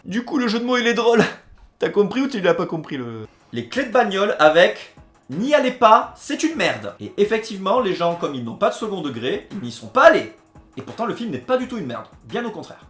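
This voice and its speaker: A man's voice: high voice, big pitch swings, brisk, fairly bright tone, faint music behind. A man hosting a comedy video, reading out film slogans and mocking them with sarcastic asides. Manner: sarcastic, mock-dramatic, jokey asides. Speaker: host of a comedy video series. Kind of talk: comedic voice-over commentary. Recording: roomy echo.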